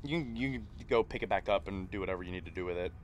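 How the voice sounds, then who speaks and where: A man's voice: low-pitched, very fast, a little hiss or hum. A man with a Midwestern accent, narrating a tabletop game as game master, with many fillers and restarts. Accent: Midwestern American.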